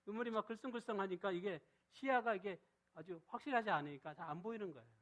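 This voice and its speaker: A middle-aged man preaching a sermon as pastor, often asking the congregation a question and answering it himself, moving between loud stressed phrases and soft, low reading of scripture. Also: fast talker, poor audio.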